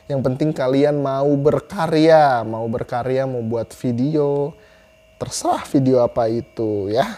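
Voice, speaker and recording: Speaking to camera from a small room, this young YouTuber reviews gear casually and keeps repeating phrases to stress his points. His voice sits at medium pitch with a dark tone, picked up by a clip-on lapel mic.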